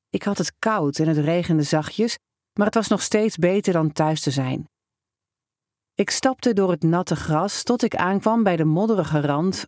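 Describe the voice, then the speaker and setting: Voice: medium pitch, darkish tone, no room sound. Dry, close story reading. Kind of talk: first-person story reading.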